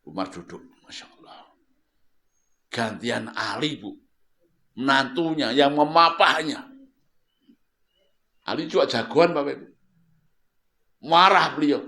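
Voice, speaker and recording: A man preaching a sermon at home, telling a story with lively questions to his listeners. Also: mid-range voice, unhurried, long pauses. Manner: lively storytelling, questions the audience and repeats words. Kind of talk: sermon to a local congregation. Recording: roomy echo.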